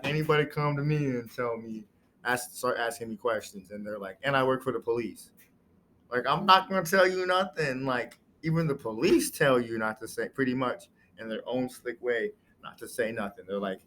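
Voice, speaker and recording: A man's voice: medium pitch, normal speed, fairly bright tone. A man reviewing and reacting to a comic episode in loose, slangy commentary with rambling asides.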